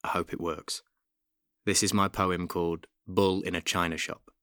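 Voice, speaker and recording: Crisp, bright male poet, soft East Midlands accent. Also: sits low, little pitch movement, moderate pace, no room sound, studio quality. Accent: softened East Midlands English. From Nottingham, England. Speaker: poet and actor. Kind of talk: spoken-word poetry reading. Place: housemates' bedroom, quiet indoors.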